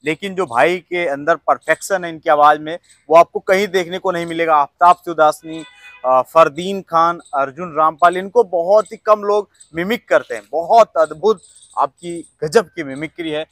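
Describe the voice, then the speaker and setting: A man's voice: on the high side, normal speed, a bit bright, no room sound. A man interviewing a mimicry artist, praising him often and asking for more impressions. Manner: frequent short praising interjections. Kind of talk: casual interview with praise and prompts.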